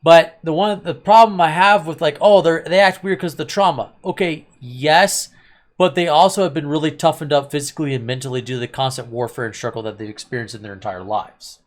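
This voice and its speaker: A man's voice: fairly high pitch, fairly quick. A man hosting a casual anime review chat, rambling and opinionated with a sarcastic edge. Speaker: host of an anime review channel.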